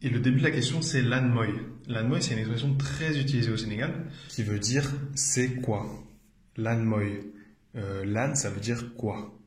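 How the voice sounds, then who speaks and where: A man's voice: medium pitch, moderate pace, echoey room. A man giving an explanatory video lesson as a language teacher, patiently repeating each phrase with frequent hesitations.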